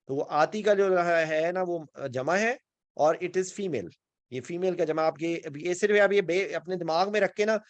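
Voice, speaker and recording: A man's voice: sits high, dry recording. A man with a Pakistani Urdu accent gives an online grammar lesson in a slightly raised voice. He explains step by step, keeps checking in with his students and slips English words in. The recording is dry and close, with no room sound. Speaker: Quran and Arabic grammar teacher. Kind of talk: online class lecture.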